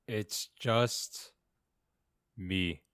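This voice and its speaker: A man co-hosting a casual podcast, laid-back and halting, often interrupting himself. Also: lowish voice, fairly bright tone, clear, resonant tone, no echo, clean studio sound. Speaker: podcast co-host. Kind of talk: casual chat.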